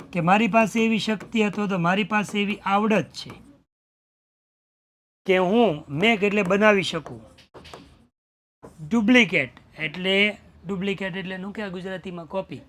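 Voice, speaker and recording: A man's voice: high-pitched, a bit bright. A young man teaching a class, explaining a story with dramatic retellings and switching between languages.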